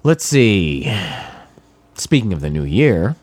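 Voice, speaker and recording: A man's voice: deep voice, very animated, slow pace, a little mellow, no room sound. A middle-aged man from New England with a cold, talking casually and wryly sarcastic in a rambling monologue with many fillers. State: has a cold, congested.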